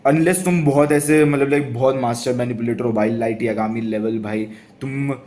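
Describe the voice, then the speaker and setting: A man's voice: medium pitch, fairly even intonation, moderate pace, darkish tone. A young man giving casual dating advice to camera, rambling and laughing often, with lots of restarts and fillers.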